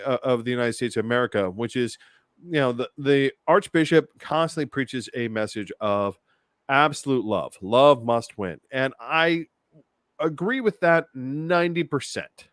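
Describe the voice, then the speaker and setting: A man's voice: fairly high pitch, no room sound, studio quality. A man co-hosting a podcast, talking casually with lots of stammering restarts. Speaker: co-host.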